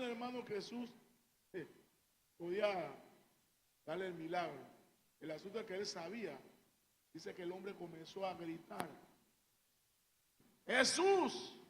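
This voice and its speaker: Male pastor, fiery sermon delivery, high-pitched, recorded in a reverberant hall. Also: a little hiss or hum. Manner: fiery preaching, shouts out quoted cries; often calls the listeners "hermano".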